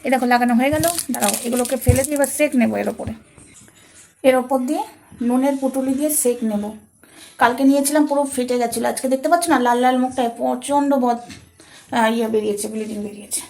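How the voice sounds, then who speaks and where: High-voiced woman chatting quietly at home. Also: fairly even intonation, quick pace, creaky. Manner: chatty, addresses viewers as friends; talking quietly so as not to disturb. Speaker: home vlogger. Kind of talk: casual chat to viewers. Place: home kitchen at night. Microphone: phone.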